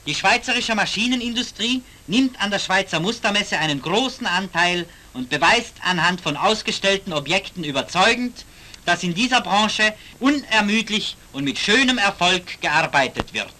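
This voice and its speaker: A man's voice: high-pitched, animated, normal speed, pushed and bright. A man narrating an old 1940s newsreel in a formal, declamatory announcer style, played from an archive recording.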